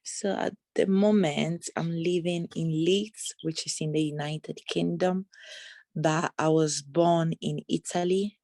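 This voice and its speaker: Woman from Ghana, low voice, dry sound, measured and hesitant, interview answers. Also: steady tone, darkish tone, no echo. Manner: measured, hesitant, many fillers. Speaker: anti-trafficking outreach worker.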